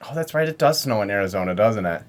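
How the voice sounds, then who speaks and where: A man's voice: on the low side, expressive, quick pace. A man with a lisp who talks out of the side of his mouth and says "like" a lot, chatting casually as a podcast host. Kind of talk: casual chat.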